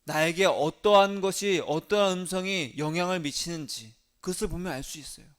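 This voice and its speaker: A male pastor with a high-pitched voice delivers a sermon. He keeps asking his listeners questions and answering them. His delivery rises to loud emphasis and drops to soft, low asides. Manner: asks the congregation questions and answers them himself.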